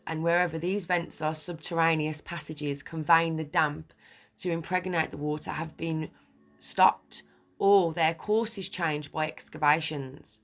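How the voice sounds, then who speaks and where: A low-voiced woman video creator reads an old newspaper article aloud, tripping over archaic words and place names, then comments on it with excited emphasis.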